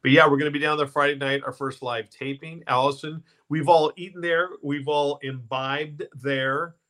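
A man's voice: fairly high pitch, steady tone, moderate pace, a bit bright. A man hosting a casual podcast live stream, chatty, with many fillers and self-corrections. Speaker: podcast host.

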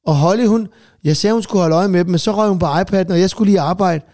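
A middle-aged man with a gravelly, slightly higher-pitched voice, spinning long rambling stories in a relaxed podcast chat. His tone is dark and mellow, and he peppers his tales with casual swearing. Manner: rambling anecdotes with lots of swearing. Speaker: podcast co-host.

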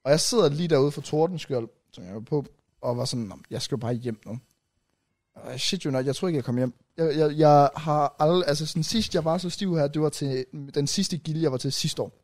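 A young man casually retelling a long night out on a podcast, rambling and animated with many restarts. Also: a little high, dry recording, studio quality. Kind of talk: casual storytelling chat.

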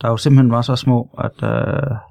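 A man improvising a deadpan eldest farmer brother who answers with many hesitant fillers in a comedy interview. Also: mid-range voice, creaky, no echo, natural voice.

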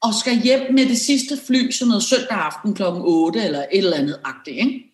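A woman's voice: mid-range voice, reverberant. A woman co-hosting a podcast in casual chat, who listens with short replies and reads out the topics. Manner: brief backchannels, reads the episode topics aloud. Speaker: podcast co-host.

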